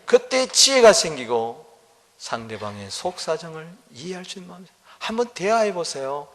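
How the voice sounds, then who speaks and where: In a church sanctuary, a male pastor preaches a sermon, telling stories vividly and acting out the voices of the people in them. His voice is a little high and his pace moderate, with a long reverb tail.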